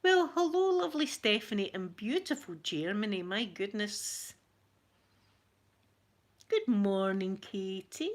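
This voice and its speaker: A woman's voice: medium pitch, expressive, slow, long pauses. A woman with a broad Glaswegian Scottish accent hosts a casual live stream, reading out viewers' names and answering them. She chats in a rambling, friendly way, often stopping to restart a sentence. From Scotland. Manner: chatty, warm greetings to viewers, frequent laughs and self-interruptions. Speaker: ASMR channel host reading live chat.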